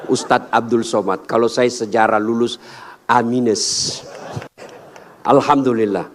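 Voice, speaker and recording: A male preacher gives a humorous sermon at a big religious gathering, telling funny stories and jumping to high-pitched punchlines. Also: a little slow, slight background noise. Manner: jokey, storytelling, animated with sudden high-pitched punchlines.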